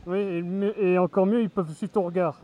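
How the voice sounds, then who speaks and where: Homme à la voix aiguë, derrière un masque. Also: male voice, high-pitched, fairly even intonation, fairly quick. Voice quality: muffled, speaking through a face mask. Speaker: costumed cosplayer being interviewed. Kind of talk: casual event interview. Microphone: handheld mic held very close to the mask.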